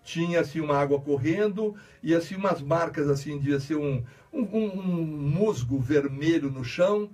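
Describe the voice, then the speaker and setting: A man's voice: a little high, moderate pace, hardly any pauses, a little mellow. A man, an author being interviewed on radio, telling rambling stories full of restarts and repeated words. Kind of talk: casual radio interview storytelling. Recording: distant mic, radio studio.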